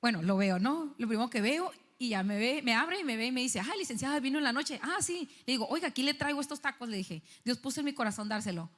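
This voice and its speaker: A young woman, preaching a sermon and telling a personal story with animated, acted-out dialogue. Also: a little high, quick pace, few pauses. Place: church stage. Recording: church hall with long reverb.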